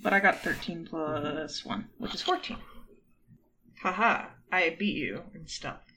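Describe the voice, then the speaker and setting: A woman's voice: deep voice, unhurried, pushed and bright, a little hiss or hum. A woman playing a tabletop role-playing game, chatting casually with a dry, wry manner.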